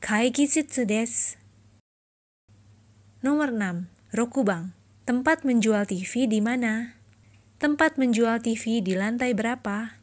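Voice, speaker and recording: A woman teaching a language lesson, reading quiz questions and their answers in a slow, deliberate way. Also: fairly high pitch. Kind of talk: quiz drill in an online lesson.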